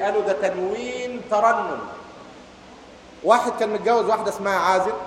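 A man with an Egyptian accent giving a lecture, quizzing his students and reciting verses. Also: high voice. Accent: Egyptian Arabic. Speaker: teacher. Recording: echoey hall, faint background hiss.

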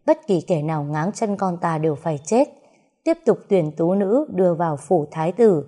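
A woman's voice: fairly low pitch, animated, moderate pace, warm tone. A woman doing a ruthless serpent noblewoman. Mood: commanding. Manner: commanding, ruthless. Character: imperious snake-clan noblewoman, mother of prince.

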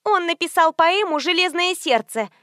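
A bossy socialite lady snaps out demands, her voice pitched well above the narrator's own and pushed out louder and harder, as a woman reads her in an audiobook. She is curt and impatient throughout, and the sound is close and dry. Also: lively intonation, normal speed, no echo. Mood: pushy. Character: pushy, brash female socialite on the phone.

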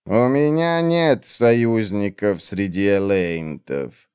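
A man reading an audiobook, voicing an ancient undead witch with a slow, low, measured delivery. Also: darkish tone, clear, resonant tone, dry recording, clean studio sound. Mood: cold. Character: ancient undead female witch, cold and scheming.

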